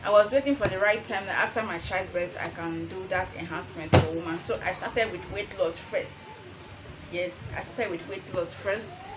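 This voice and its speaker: A woman's voice: fairly low pitch, moderate pace. Nigerian woman demonstrating informally, noisy recording. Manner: slips between English and Pidgin phrasing; repeats phrases for emphasis. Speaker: herbal remedy seller and vlogger. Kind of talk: informal how-to demonstration to camera.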